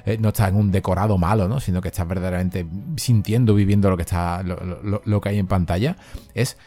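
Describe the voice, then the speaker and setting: A man's voice: low voice, fairly even intonation, quick pace, warm tone. A man co-hosting a podcast, explaining his view of a film in a thoughtful, casual way. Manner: thoughtful, explains at length with repeated "¿no?". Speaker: podcast co-host.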